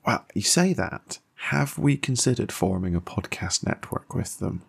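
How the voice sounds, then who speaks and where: A man's voice: fairly low pitch, a little slow, gravelly, breathy edge. A man co-hosting a podcast, chatting casually and jokily, acting out quotes as he goes. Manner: animated, jokey, acts out quotes. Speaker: podcast co-host. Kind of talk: casual chat.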